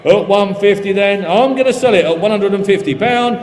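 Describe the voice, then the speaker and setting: A man working as an auctioneer, calling live bids in a rapid, repetitive patter. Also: sits high, a little mellow. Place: large reverberant auction room. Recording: echoey hall PA, music behind.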